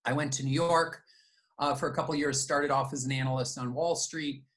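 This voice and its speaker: A middle-aged man, born in the United States and raised in Japan, telling his life story in a reflective, measured way as an interview guest. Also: medium pitch, steady tone, a bit bright. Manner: reflective, measured, with fillers and restarts. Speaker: guest, company founder and CEO.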